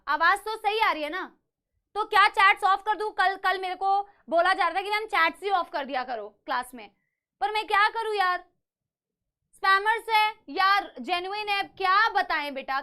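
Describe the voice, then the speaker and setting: Young woman, online biology tutor with a sore throat, very high bright voice, talks to students like a caring elder. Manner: calls students beta, mixes English terms into Hindi, asks "theek hai?" often. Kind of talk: live online class lecture.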